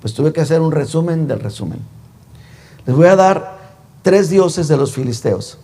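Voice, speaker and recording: A man's voice: a little high, lively intonation, normal speed, dark tone. A male pastor preaching a sermon in a conversational, teasing way, full of rhetorical questions. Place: church sanctuary. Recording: long church reverb.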